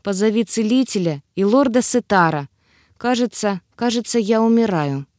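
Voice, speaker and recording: A woman's voice: mid-range voice, lively intonation, normal speed, a little mellow, no room sound, clean studio sound, close to an everyday voice. Weak, pleading young heroine, read by a woman.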